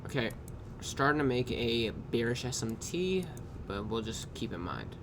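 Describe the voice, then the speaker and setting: A man's voice: medium pitch, very animated, background noise. Tired man talking over keyboard clatter. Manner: loose, unhurried, with drawn-out pauses and casual swearing. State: tired, yawning. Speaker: day trader reviewing his trades. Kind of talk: casual screen-recorded trade review. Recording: clear keyboard typing in background.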